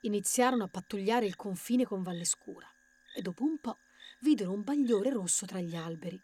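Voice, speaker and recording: A woman reading a children's story aloud in a lively, expressive way, doing the characters' voices. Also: mid-range voice, brisk.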